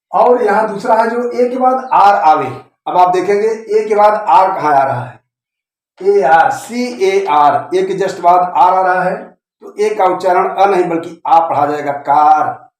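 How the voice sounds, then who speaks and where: High-voiced male teacher, very echoey room. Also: unhurried. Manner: repetitive, checks understanding often. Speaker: English grammar teacher. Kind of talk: classroom-style video lecture.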